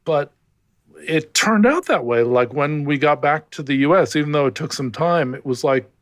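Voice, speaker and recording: A man co-hosting a podcast, speaking in a reflective, halting way. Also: a little high, expressive, no echo. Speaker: podcast co-host. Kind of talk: casual conversation.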